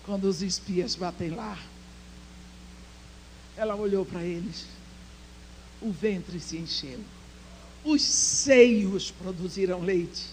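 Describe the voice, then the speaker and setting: Preaching fervently to a women's church conference, this native English speaker moves between booming declarations and quiet, intimate stories. Her pitch is medium, and the poor recording carries a slight hiss or hum.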